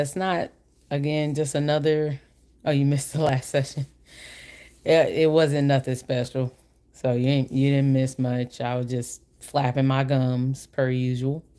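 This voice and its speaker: Her voice is extremely low, dark and clean as she hosts a casual chat on a livestream. She wears a retainer that slightly slurs her speech, and she talks in an informal, slangy, meandering manner.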